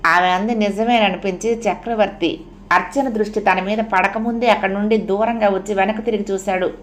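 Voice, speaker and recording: A woman's voice: mid-range voice, fairly quick. Woman narrating an audio novel. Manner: steady storytelling, reads every role.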